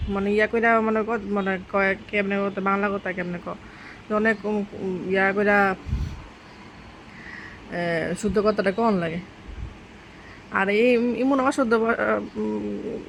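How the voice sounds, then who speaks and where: This woman, a vlogger with a rural Bangladeshi dialect, has a mid-range voice and chats with her viewers in a homely, rambling way. She's outdoors near birds, with slight background noise.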